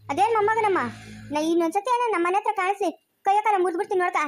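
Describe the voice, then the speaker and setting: Woman doing an old village grandmother, rural Chikkaballapur Kannada accent, scolding, quarrelsome, very high voice, quick delivery. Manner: quarrelsome, scolding, fast-talking. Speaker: skit actor. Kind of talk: comic village family skit.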